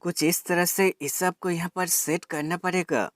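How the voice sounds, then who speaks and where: A man speaks at normal speed in a high, somewhat bright voice that barely moves in pitch, with faint music behind him. He demonstrates a tech product, instructing viewers step by step and addressing them as friends, as a how-to voice-over.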